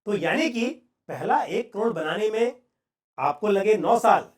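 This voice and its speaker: A man with a high-pitched voice and an Indian accent presents a finance lesson. He explains step by step in a deliberate way, pausing for emphasis. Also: lively intonation.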